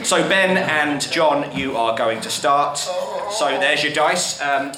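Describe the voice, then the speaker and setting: A man's voice: a little high, slow pace, crowd noise. A man hosting a comedy game show with wry, mock-official announcements. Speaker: comedy quiz host. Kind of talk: live comedy podcast hosting. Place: live venue with audience. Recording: echoey live venue with loud noise.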